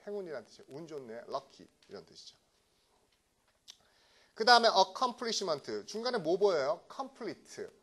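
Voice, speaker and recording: Animated man lecturing on vocabulary. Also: on the high side. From South Korea. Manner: lively, keeps checking in with the class. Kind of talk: classroom lecture.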